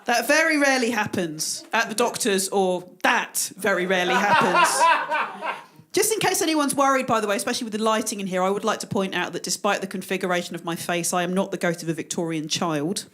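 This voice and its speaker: A woman's voice: medium pitch, fast, hardly any pauses, very noisy. A woman in her forties doing a stand-up comedy set on a club stage, with a dry, self-deprecating delivery.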